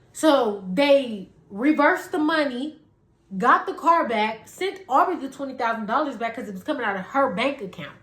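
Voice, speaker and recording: A woman's voice: a little high, fairly bright tone, echoey room. A woman podcast host, casually recounting gossip in a chatty way, hedging as she retells an argument.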